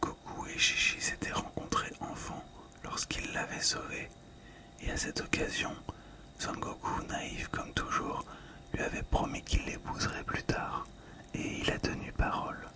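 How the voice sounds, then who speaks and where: In whispered ASMR commentary, a middle-aged host describes a collectible from close to the mic. The delivery is a little slow, calm, gentle, and somewhat hesitant.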